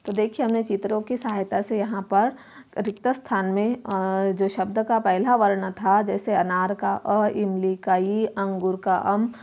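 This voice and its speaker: A woman teaches primary school children, speaking very slowly and sounding out each letter one at a time. Her voice sits at an ordinary middle pitch. The recording is a little dull and lo-fi. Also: steady tone. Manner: slow, patient, sounds out each letter aloud. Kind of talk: primary school lesson walkthrough.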